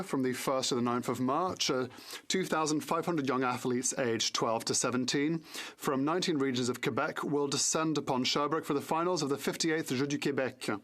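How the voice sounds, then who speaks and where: A man's voice: medium pitch, fairly bright tone. A man interpreting formal parliamentary statements in prepared, ceremonial language.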